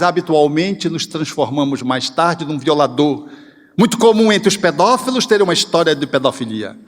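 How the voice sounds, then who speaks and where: Animated man lecturing in a hall. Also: high-pitched. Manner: animated, expressive, acts out little scenes. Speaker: spiritist lecturer. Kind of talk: spiritual lecture. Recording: reverberant hall.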